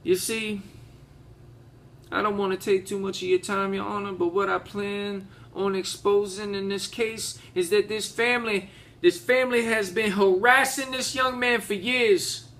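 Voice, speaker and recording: A man playing a folksy, impassioned Southern defense lawyer in a courtroom monologue, with a honeyed, theatrical drawl and deliberate repetition for emphasis. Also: high voice, steady tone, bright, forceful tone, slight background noise, exaggerated voice. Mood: persuasive. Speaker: auditioning actor. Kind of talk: audition monologue, courtroom speech.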